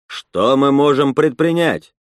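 A grave male leader speaking to a crowd in slow, weighed phrases, as a male narrator puts him on. The reading is dry and close, with a lively rise and fall. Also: medium pitch, dry recording, voice pushed up. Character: male rebel leader Roman, grave measured orator.

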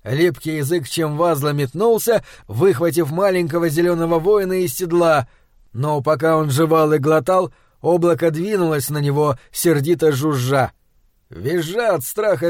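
A man reading a fantasy audiobook in a measured storytelling manner. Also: on the high side, a little mellow, no echo, studio quality. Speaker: audiobook narrator. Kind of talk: scripted narration.

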